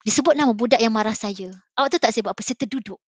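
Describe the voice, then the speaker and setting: A woman's voice: on the high side, rapid-fire, breathy edge, dry recording. A middle-aged Malaysian woman, a maths teacher, telling an earnest personal story in a Malay accent with many fillers. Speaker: mathematics teacher on a school panel. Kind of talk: motivational talk with personal story.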